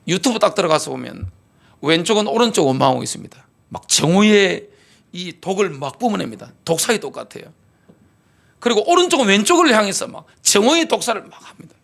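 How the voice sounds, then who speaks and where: Here a middle-aged man preaches as a pastor, using repeated lines, rhetorical questions and call-and-response to press his message. His voice sits high, with vocal fry and a fairly bright tone.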